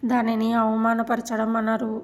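A woman doing a calm elderly grandfather. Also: fairly high pitch, a little slow.

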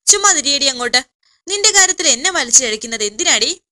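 A woman voicing a sharp-tongued young woman snapping at her sister, in a serial story recap. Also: sits high, expressive, quick pace, full character voice. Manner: snapping, rude.

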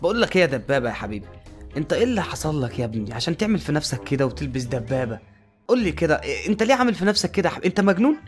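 A man's voice: fairly high pitch, big pitch swings, very fast, faint music behind. A man with an Egyptian accent voicing an exasperated male doctor at an asylum, scolding and then coaxing his patients. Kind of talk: fan-made game movie voice acting.

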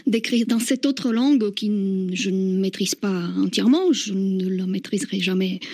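A novelist from Slovakia answers a radio interview in French, her second language, with a Slovak accent. She speaks thoughtfully at a normal pace in a mid-range voice, restarting often and laughing softly.

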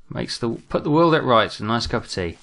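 A man's voice: mid-range voice, animated, a little slow, creaky, fairly bright tone. A young man giving chatty, jokey commentary while he plays a game and talks to his viewers. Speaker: gaming let's-play host. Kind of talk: casual gameplay commentary.

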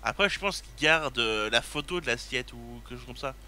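A man's voice: mid-range voice, lively intonation, normal speed, sharp tone, slight background noise. A man casually commenting on a game he plays, joking and crude. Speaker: gamer. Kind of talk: let's play commentary.

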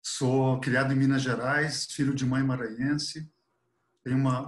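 A middle-aged man from Chile, a professor speaking unscripted and earnestly on a video call with a headset, dropping frequent fillers. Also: mid-range voice. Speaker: professor, webinar panelist. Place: office with artwork behind. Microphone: earphone headset on a video call. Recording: echoey room on a video call.

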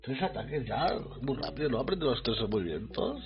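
Man, Spain Spanish accent, live game commentary, excitable, medium pitch, slightly dull audio, faint music. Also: normal speed. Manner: excitable, talks to chat. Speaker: streamer.

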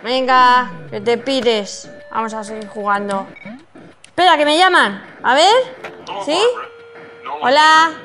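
A woman with a Spain Spanish accent giving excited, exclamatory commentary as she plays a video game. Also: a little high, slow, pauses often, soft background music. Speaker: gaming streamer.

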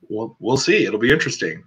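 A man speaks over a video call with a bright, forceful edge to his voice. He is a cinematographer chatting casually as a guest, filling his sentences with "like" and "um" as he rambles through his thoughts. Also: on the low side, slightly rough. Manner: rambling, many "like" and "um" fillers.

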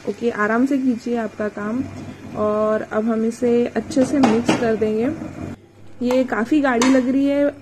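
A woman's voice: fairly high pitch, fairly even intonation, takes it slowly. A woman, hosting a casual cooking tutorial and explaining each step as she cooks. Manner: chatty, explains each step while stirring. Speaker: cooking channel host. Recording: noisy kitchen with frying sizzle.

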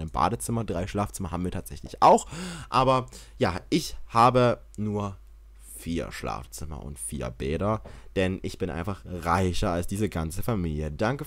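Young man, gaming commentary, lively pitch swings, mock-outraged shouts, dry close mic. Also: measured pace, dry recording. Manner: excitable, swears a lot, mock-outraged yelling at the game. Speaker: gaming YouTuber. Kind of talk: Let's Play commentary.

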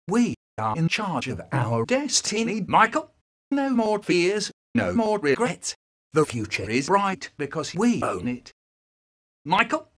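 A man's voice: high voice, fairly bright tone, heavily acted. A man voicing a brooding man reborn as a godlike cosmic being, his lines spliced together word by word from clips, so the delivery jumps unevenly. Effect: spliced together words from clips. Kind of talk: sentence-mixed monologue.

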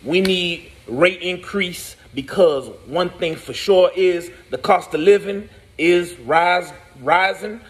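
Man, American accent, thirties, emphatic home selfie video, slightly high voice, phone mic in a living room. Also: slow. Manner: emphatic, repeats "driver" as a refrain. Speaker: owner-operator truck driver. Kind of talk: casual selfie video rant. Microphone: phone camera at arm's length.

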